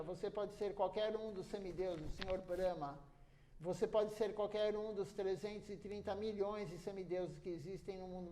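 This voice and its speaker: A man's voice: high-pitched, darkish tone. A man preaching in a temple class, earnest and repeating phrases for emphasis. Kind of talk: sermon.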